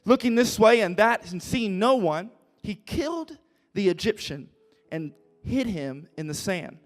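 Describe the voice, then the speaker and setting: A young man preaching a lively sermon as pastor, acting out Bible figures in modern slang. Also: high-pitched, unhurried, soft background music.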